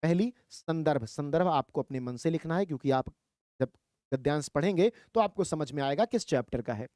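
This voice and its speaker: A man teaching a Hindi exam prep lesson, explaining step by step and reading verse slowly. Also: a little high, animated, a little mellow, dry recording, clean studio sound.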